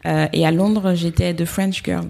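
Hesitant woman from Senegal, mellow voice. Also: fairly low pitch, steady tone, measured pace, creaky. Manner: hesitant, many fillers and restarts. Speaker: guest. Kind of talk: podcast interview.

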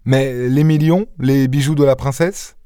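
A man's voice: mid-range voice, fairly even intonation, unhurried, warm tone, smooth, no echo, studio quality, voice pushed up, lightly acted. A man voicing a curious questioning storyteller. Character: curious male first-person narrator, questioning the thief.

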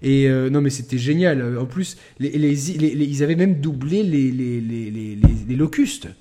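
Animated French man chatting about games. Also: mid-range voice, normal speed, soft background music. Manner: animated, stumbling restarts, laughing storyteller. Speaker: podcast host. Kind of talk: casual gaming chat.

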